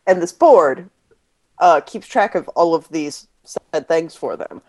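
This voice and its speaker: A woman's voice: sits low, animated, takes it slowly, a little mellow. A woman co-hosting a casual podcast chat, enthusiastic and laughing often.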